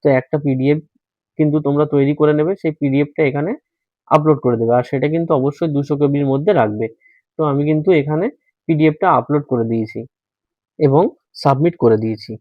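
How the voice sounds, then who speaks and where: A man's voice: on the high side, fast talker, no room sound. Patient man explaining step by step. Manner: patient, step-by-step explaining, addressing viewers as friends. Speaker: tutorial host. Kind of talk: screen-recorded how-to walkthrough. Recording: dry, slightly dull voice-over.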